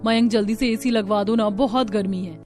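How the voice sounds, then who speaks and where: A woman voicing the figures of an animated family story in a dramatic, expressive way. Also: mid-range voice, brisk, soft background music. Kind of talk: cartoon story voice acting.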